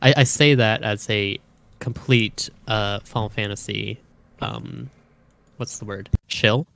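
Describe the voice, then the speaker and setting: A man as a podcast guest, deadpan and halting, with many fillers. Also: on the low side, gravelly. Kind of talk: casual podcast chat.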